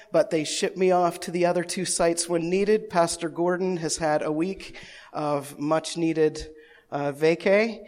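Male pastor with a high voice, lively sermon delivery that swings from hushed prayer to loud emphasis, with light self-teasing humor. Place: church service.

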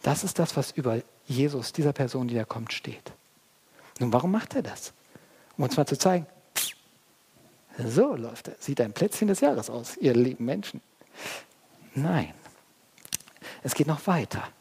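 A man preaching a sermon as pastor, talking straight to his congregation and swinging between hushed, quiet passages and loud, excited ones. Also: medium pitch, normal speed, pauses often, husky.

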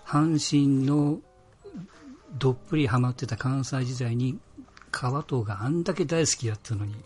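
A man's voice: medium pitch, moderate pace, a little mellow, faint music behind. Reflective man. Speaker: podcast panelist. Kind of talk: casual chat.

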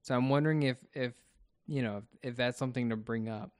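A man's voice: medium pitch, fairly quick, darkish tone, no room sound, clean studio sound. A man co-hosting a casual podcast, talking through his thoughts about a TV episode one step at a time. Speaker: podcast co-host.

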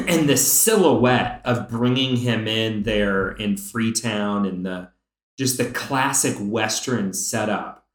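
A man co-hosting a podcast, talking thoughtfully about a TV series with drawn-out phrasing and fillers. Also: on the low side, expressive. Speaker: podcast co-host. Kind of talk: casual chat about a TV series.

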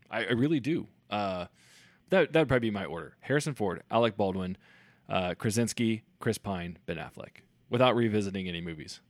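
A man co-hosting a casual podcast about movies, enthusiastic and quick to laugh. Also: on the low side, no room sound. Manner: enthusiastic, laughs often, restarts sentences. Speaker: podcast co-host.

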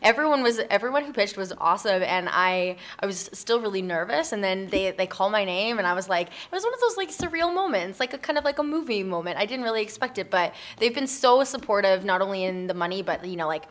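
Speaking fast with few pauses, a community project founder appears as an interview guest in a casual chat, her mid-range, slightly bright voice expressive throughout. She is informal and self-deprecating and uses "like" a lot.

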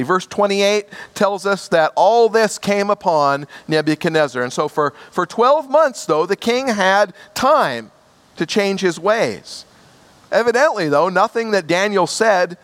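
Slow, emphatic male preacher. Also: high voice, fairly bright tone. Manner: emphatic, repeats key words for weight. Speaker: pastor. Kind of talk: sermon.

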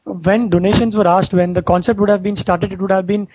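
A man's voice: high-pitched, level tone, a little fast, a little mellow, breathy edge. A man with an Indian accent co-hosts a casual talk show, giving wry opinions in English with some Hindi, on a lo-fi recording. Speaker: co-host of an online talk show.

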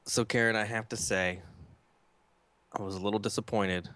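Deep-voiced joking male co-host. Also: moderate pace, dry recording. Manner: relaxed, joking, easygoing. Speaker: podcast co-host. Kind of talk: casual chat.

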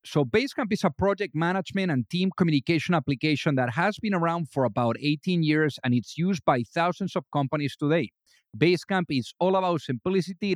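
A man's voice: on the high side, no echo, studio quality. A man hosting an interview podcast, reading an ad and welcoming his guest with upbeat enthusiasm. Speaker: podcast host.

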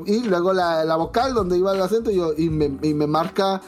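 A woman's voice: fairly low pitch, a little fast, soft background music. A woman with a Mexican accent, a podcast guest telling slangy, profane stories in casual chat and acting out the dialogue. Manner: slangy, profane, animated anecdotes with quoted dialogue.

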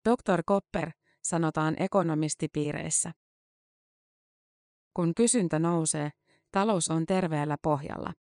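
Low-voiced woman narrating a news feature. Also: darkish tone, no echo, studio quality. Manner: measured, matter-of-fact storytelling.

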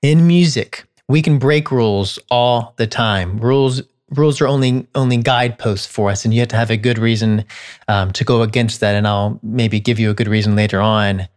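A man's voice: medium pitch, moderate pace. Thoughtful songwriter explaining his craft. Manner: thoughtful, many restarts, sings short melodic lines to illustrate. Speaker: songwriter and composition teacher. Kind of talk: casual explanatory talk.

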